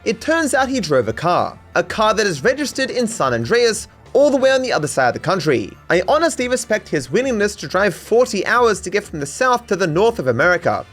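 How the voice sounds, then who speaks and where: This Australian man, the creator and narrator of the video, delivers his scripted comedy essay briskly, barely pausing. His high voice swings with animated intonation as he plays it mock-serious and sarcastic over quiet background music.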